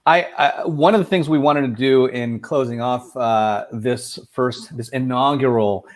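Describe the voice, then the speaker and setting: A man hosting a casual video-call discussion, talking haltingly with many uhs. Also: medium pitch. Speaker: host.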